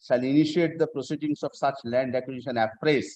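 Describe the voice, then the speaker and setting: A man's voice: medium pitch, fairly even intonation, fairly quick, a little mellow, no echo. A male lawyer, reading law aloud formally and deferentially in a courtroom. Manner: deferential, repeatedly addressing the judge. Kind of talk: formal legal reading of statute and argument. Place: courtroom live stream.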